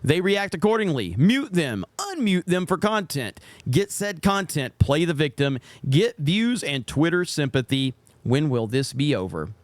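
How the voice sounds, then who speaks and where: A man's voice: on the high side, sing-song, unhurried, dry recording. A man giving casual, opinionated commentary on gaming clips in a blunt, sarcastic, sweary manner.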